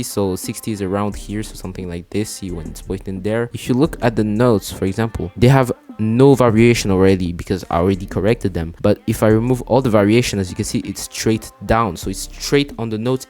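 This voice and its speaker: A man talking viewers through a beat-making tutorial in a relaxed, chatty way, calling them bro. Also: fairly low pitch. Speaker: music producer teaching a tutorial. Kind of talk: casual screen-recorded tutorial.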